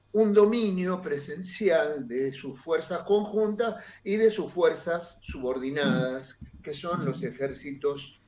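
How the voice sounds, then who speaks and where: A man's voice: medium pitch, darkish tone. Man analyzing politics over a dull line. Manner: measured, emphatic, with frequent filler "este". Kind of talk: political commentary interview.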